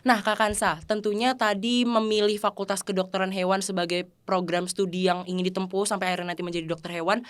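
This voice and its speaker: A woman's voice: medium pitch, little pitch movement, fast talker, few pauses. Polite woman podcast host. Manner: formal, addresses listeners directly. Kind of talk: polite interview hosting.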